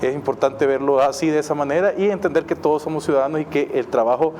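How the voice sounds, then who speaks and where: A man's voice: a little high, quick pace, a little mellow, a little hiss or hum. A man from El Salvador with a Salvadoran accent, a guest on a TV interview, talking enthusiastically and rambling with many fillers. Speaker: guest, city mayor. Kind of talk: casual TV interview.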